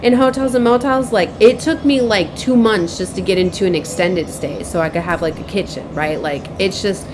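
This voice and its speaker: This spiritual advisor and tarot reader hosts a casual vlog in a mid-range voice at a moderate pace, barely pausing, over a noisy background. She rambles and repeats herself, keeps asking for agreement with tag questions, and acts out snippets of conversations she remembers.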